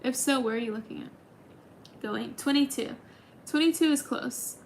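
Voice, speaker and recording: With a high voice and a measured pace, a woman in her twenties runs a casual livestream, answering viewer comments and chatting with lots of ums. There's slight background noise.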